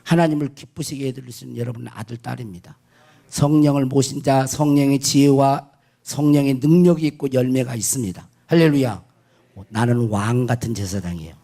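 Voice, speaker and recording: A man preaching a sermon as pastor, putting questions to the congregation and answering them himself, moving from hushed asides to shouted declarations. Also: mid-range voice, steady tone, fairly quick, vocal fry.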